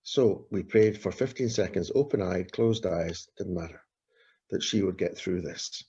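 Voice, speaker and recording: A man's voice: low-pitched, unhurried, mellow, breathy edge. A man, a street pastor telling earnest stories in an interview and repeating his key phrases. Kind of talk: storytelling in an interview. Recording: dull lo-fi recording.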